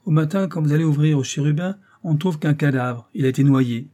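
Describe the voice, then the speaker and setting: A man reading an audiobook, voicing a mild-mannered but sly elderly bailiff's clerk who speaks gently and insinuatingly. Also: a little high, fairly quick, pitched above the performer's own voice, lightly acted. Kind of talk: audiobook character voice.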